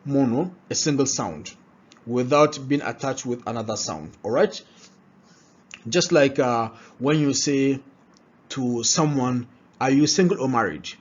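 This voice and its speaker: A man with a mid-range voice teaches a pronunciation lesson at a measured pace, classroom style. He often poses rhetorical questions and checks in with "all right?" The recording sounds dull and lo-fi.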